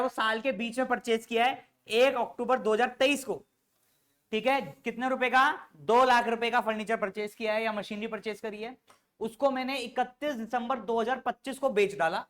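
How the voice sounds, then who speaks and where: Very high and fairly bright, a male voice belongs to an accountancy teacher in a live lecture. He peppers the students with questions while solving an example and fondly refers to them as "beta."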